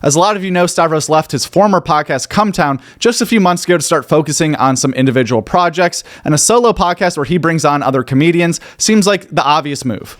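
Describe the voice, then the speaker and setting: Guy rattling off comedy news, quick and a bit high, jokey. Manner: brisk, jokey delivery. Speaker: host.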